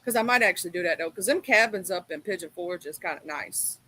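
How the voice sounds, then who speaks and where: A woman, chatting casually in a relaxed, slangy way. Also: on the low side, fast, slight background noise. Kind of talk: casual chat.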